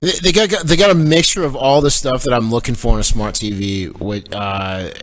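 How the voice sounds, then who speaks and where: A man's voice: medium pitch, fairly even intonation, normal speed. A man co-hosting a casual tech chat show, rambling and joking with frequent laughs. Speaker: podcast co-host.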